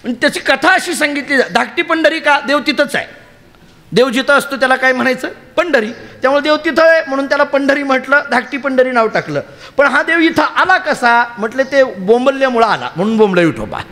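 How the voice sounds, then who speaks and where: A man's voice: very high-pitched, lively intonation, brisk, sharp tone. A man preaching and telling stories to a live audience, chatty and humorous, often asking the listeners questions. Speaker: kirtan preacher. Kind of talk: sermon storytelling. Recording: long hall reverb.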